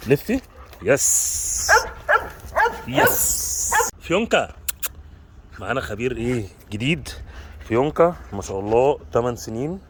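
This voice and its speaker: Brisk Egyptian man talking to dogs. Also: medium pitch, background noise. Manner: brisk, gives short commands and praise to dogs. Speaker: dog trainer and dog park owner. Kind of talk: casual vlog with dog commands. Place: dog park.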